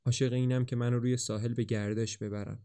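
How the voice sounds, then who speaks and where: Male narrator reading a proud young woman, curt, middle pitch, storybook reading. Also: level tone, dark tone, smooth, lightly acted. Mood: dreamy. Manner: curt, dismissive, then dreamy.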